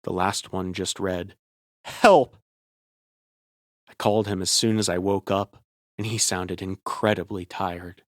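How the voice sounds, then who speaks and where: A man's voice: deep voice, level tone, normal speed, dry recording, studio quality. A man narrating a first-person horror story in a tense, scripted way.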